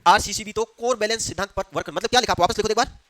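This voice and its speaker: A man's voice: sits high, very fast, bright, forceful tone, no echo. A male teacher giving a classroom lecture, asking the class questions and answering them himself. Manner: quizzes the class, answers his own questions.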